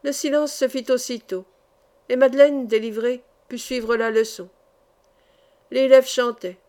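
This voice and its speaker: A woman reading a classic novel aloud as an audiobook, in a measured, even storytelling manner. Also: on the high side. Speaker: audiobook reader. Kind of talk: scripted narration of a novel.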